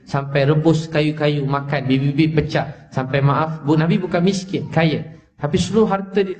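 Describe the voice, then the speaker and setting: Malaysian male preacher, slightly high voice, passionate repeating storyteller; dull, roomy recording. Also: darkish tone. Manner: impassioned storytelling, repeats phrases, rising pitch in emotional passages. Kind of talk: sermon. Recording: echoey dull lecture-hall recording.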